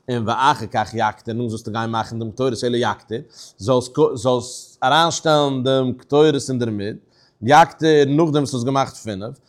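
A man teaching a Talmud class, animated, posing questions and answering them himself. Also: mid-range voice, unhurried. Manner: animated, asks and answers his own questions. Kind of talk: Talmud lecture.

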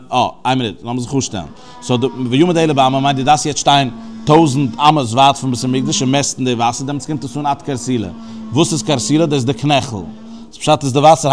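A man teaching a religious text, explaining its Hebrew terms phrase by phrase in a conversational way. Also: medium pitch. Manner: conversational, with restarts and fillers. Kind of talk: text study lesson.

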